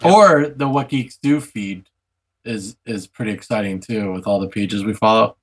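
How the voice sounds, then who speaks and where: A man's voice: lowish voice, moderate pace, a bit bright, husky, poor audio. A man co-hosting a podcast with casual, conversational delivery. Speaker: podcast co-host. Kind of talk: casual geek-culture chat.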